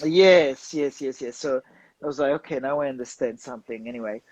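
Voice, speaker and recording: Italian man, hesitant and halting. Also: mid-range voice, a little mellow, poor audio. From southern Italy. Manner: hesitant, many fillers and restarts. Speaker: guest photographer. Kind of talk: casual interview chat.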